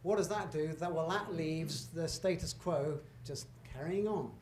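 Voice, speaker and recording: Unhurried and chatty yet emphatic, a middle-aged guest lecturer from Britain presents a public lecture with slides. His voice is a little high and darkish, dotted with asides and self-corrections, recorded in a roomy, echoey hall with faint background hum.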